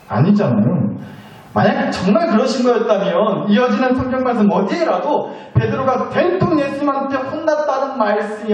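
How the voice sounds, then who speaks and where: Male pastor, high and lively, storytelling sermon, distant mic in a big echoey church. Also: highs cut off. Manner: animated storytelling, acts out voices. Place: large church sanctuary.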